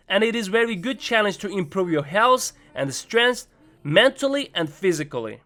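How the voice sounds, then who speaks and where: A man's voice: high-pitched, pushed and bright. A young man with a non-native English accent, speaking earnestly and encouragingly to viewers as a fitness vlogger. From Uyghur region. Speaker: vlogger recapping a fitness challenge. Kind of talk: vlog monologue to viewers. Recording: music behind the voice.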